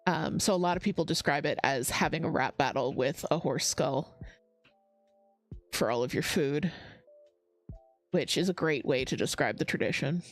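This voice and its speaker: A woman's voice: deep voice, moderate pace, long pauses, soft background music. A woman hosting a crafting livestream, chatting casually, reading chat comments aloud and laughing often. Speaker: livestream host.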